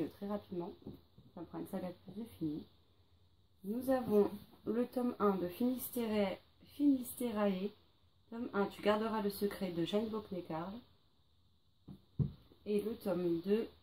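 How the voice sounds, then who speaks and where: Female book vlogger, mellow and relaxed, chatty with fillers; light background hiss. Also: on the low side. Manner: chatty, lists titles with many fillers. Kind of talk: casual to-read pile presentation.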